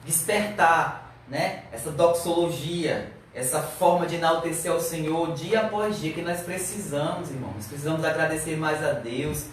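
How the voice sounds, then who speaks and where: A man's voice: fairly high pitch, moderate pace. Echoey, distant man teaching scripture. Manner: earnest, exhorting with rhetorical questions. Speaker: Sunday Bible school teacher. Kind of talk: Bible class teaching. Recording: very echoey, distant mic, faint noise.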